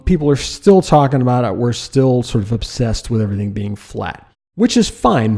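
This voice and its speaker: A man's voice: medium pitch, dark tone. A man teaching design in a direct lecture style, asking rhetorical questions and using mild sarcasm. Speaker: design instructor.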